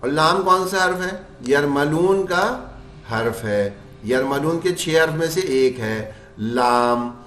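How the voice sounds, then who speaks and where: A man teaching Quran recitation rules. He puts questions to his class and answers them himself, and he chants the example verses slowly. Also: a little high, lively intonation, a bit bright, reverberant, a little hiss or hum.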